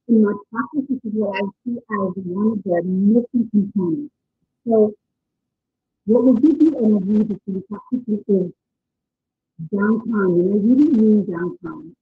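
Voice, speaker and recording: A woman's voice: mid-range voice, husky. A woman presenting a live online workshop, her voice muffled as if heard through a wall on a video call. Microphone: computer mic on a video call.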